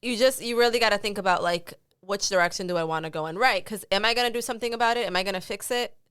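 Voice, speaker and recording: A woman's voice: medium pitch, very fast, fairly bright tone, clean tone, no echo. A woman co-hosting a casual podcast chat, reflecting earnestly and thinking aloud as she goes. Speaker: podcast co-host.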